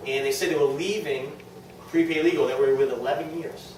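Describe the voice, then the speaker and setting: Addressing a small direct-sales team meeting, a New England man with a slightly high voice gives an informal motivational talk, self-deprecating and often checking in with listeners. He speaks fairly quickly with a steady, darkish tone. The very echoey room, distant mic, and faint noise make him sound set back.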